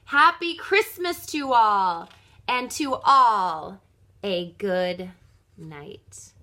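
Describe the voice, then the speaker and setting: Woman reading as jolly Saint Nicholas, calling out loudly. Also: mid-range voice, expressive, extremely slow, exaggerated voice. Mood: merry farewell. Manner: loud, rousing, exclaiming calls.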